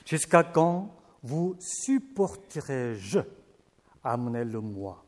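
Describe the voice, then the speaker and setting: A man reading out the lines of a stern male teacher who rebukes a crowd, in a measured, solemn way. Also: mid-range voice, big pitch swings, a little mellow, big-room sound.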